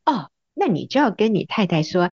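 A married woman co-hosting a faith talk show, telling a lively anecdote about a couple and laughing often. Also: mid-range voice, brisk, husky, no echo, dull audio. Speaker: co-host. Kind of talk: conversational storytelling.

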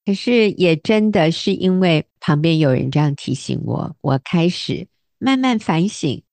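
A woman with a lowish voice gives counsel on a faith talk show. She tells her stories with lively energy and acts out the lines she quotes. The sound is dry and close. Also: measured pace, dry recording. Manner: animated, acts out quoted dialogue with laughs.

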